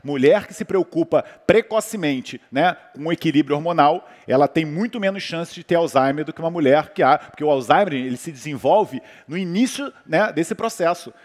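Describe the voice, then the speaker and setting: A Brazilian physician with a Brazilian Portuguese accent speaks conversationally as a guest on a panel, rambling with many fillers and restarts. His voice is a little high and expressive, moving at normal speed with hardly any pauses, and the hall adds reverb.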